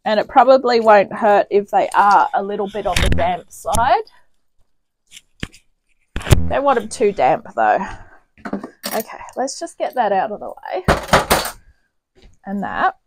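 Over music, a very animated woman with a mid-range voice speaks unhurriedly with long pauses, and the recording is rough. She's from New Zealand and hosts a home cooking channel, chatting as she cooks and narrating each step to herself. A camera mic sits to the side of the kitchen.

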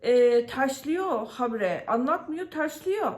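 A woman's voice: high-pitched, expressive, takes it slowly, a little mellow. Turkish woman venting about bureaucracy. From Turkey. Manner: venting frustration, many fillers, quotes others. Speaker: vlogger. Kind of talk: casual personal vlog.

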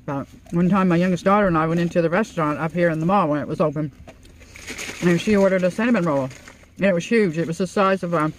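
A woman's voice: on the low side, quick pace, slight background noise, low-quality recording. Older woman chatting while chewing. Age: 60s. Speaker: vlog host. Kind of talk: casual chat over a meal. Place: inside a parked car at night.

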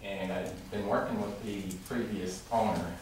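A man making a halting public comment to a city council, full of fillers and restarts. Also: on the low side, fairly even intonation. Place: large council chamber with tall windows. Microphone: room mic from far off. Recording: echoey chamber recorded from far off with noise.

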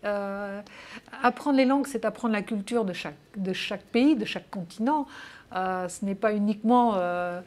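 A woman's voice: mid-range voice, normal speed, a little mellow. A woman answering interview questions in a casual, hesitant way, with many fillers and restarts. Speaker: interview guest.

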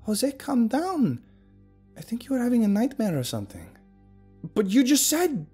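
A man voicing an anxious young woman who pleads gently and rises high in pitch. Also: huge pitch swings, normal speed, soft background music. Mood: worried.

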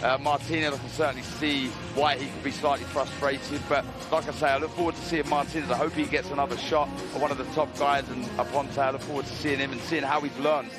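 Male co-commentator, mid-pitched, chatty expert analysis of a live fight, music underneath. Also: level tone, quick pace, hardly any pauses, poor audio. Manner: conversational, repeats phrases for emphasis.

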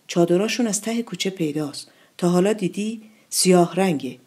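A woman voicing a busy, protective mother with a husky voice, speaking firmly. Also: lowish voice, dark tone, close to an everyday voice. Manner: firm, protective. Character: busy caring mother baking bread, middle-aged.

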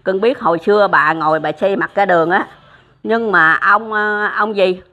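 A woman's voice: medium pitch, moderate pace, bright, forceful tone. An older woman, telling stories casually, acting out dialogue and addressing the listener affectionately. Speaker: storyteller of religious experiences. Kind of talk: casual spoken storytelling. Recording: muffled lo-fi recording.

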